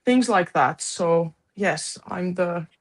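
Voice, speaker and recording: Lady on a video call, slow and unhurried, stops and restarts a lot while looking for words. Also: on the low side. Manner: hesitant, searching for words with many restarts. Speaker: conference events board member. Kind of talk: casual video-call chat.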